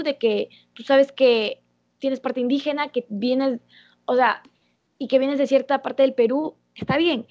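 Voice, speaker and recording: A young woman with a fairly high voice talks earnestly, explaining at length in a casual conversation. The recording is muffled and lo-fi. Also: darkish tone. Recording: dull lo-fi sound.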